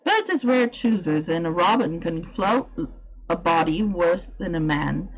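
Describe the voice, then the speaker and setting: A woman voicing a cheerful farm boy who talks to birds, in a broad with a gentle, friendly manner, in a storybook reading. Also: fairly low pitch, animated, measured pace, husky, full character voice, low-quality recording.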